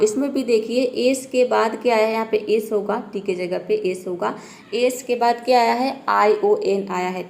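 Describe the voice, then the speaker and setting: A woman teaching an English pronunciation lesson in Hindi, spelling words letter by letter and asking questions she answers herself. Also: fairly high pitch. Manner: patient, repeats rules and asks questions she then answers.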